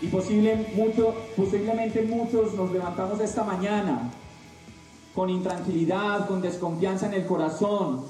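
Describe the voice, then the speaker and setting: A man preaching a sermon, slow and emphatic with dramatic pauses. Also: high-pitched, dark tone, recorded from a distance, faint music behind. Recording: echoey room, voice off-mic.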